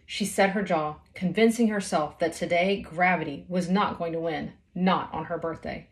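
This is a woman in her thirties, reading from a children's novel as a storyteller would, speaking at a moderate pace in a voice on the low side. The recording was made indoors in a small room at home.

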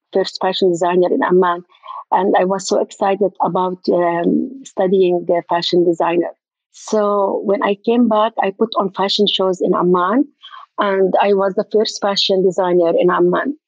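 An older Jordanian woman, an event designer appearing as a guest, works haltingly through an interview and pauses to find her words. Her middle-pitched voice is steady and a little mellow. The line sounds dull and muffled, with a dry, close sound and no echo.

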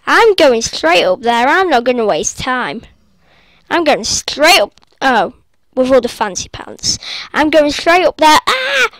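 A high-pitched woman rambles through her game commentary while sitting up in bed. She talks casually into her laptop, breaking into squeals and quick apologies. The sound is close and dry, with no room echo. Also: big pitch swings, fairly bright tone. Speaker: gaming vlogger. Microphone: laptop recording.

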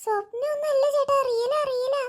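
A woman's voice: very high-pitched, steady tone, moderate pace. A woman voicing an eager little boy in a cartoon, talking chirpily and politely to older boys. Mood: excited. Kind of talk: cartoon voice acting.

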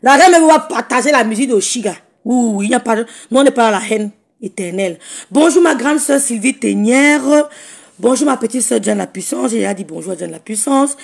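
A woman with a hoarse, croaky voice, chatting casually on a phone live stream and greeting viewers by name. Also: fairly high pitch, animated, a little fast.

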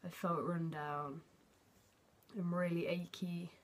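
A young man recording a casual video diary at home, halting and hesitant, often trailing off into a near-whisper at the ends of his phrases. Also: fairly high pitch, level tone. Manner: hesitant, halting, with many fillers and restarts. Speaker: vlogger. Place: at home, indoors.

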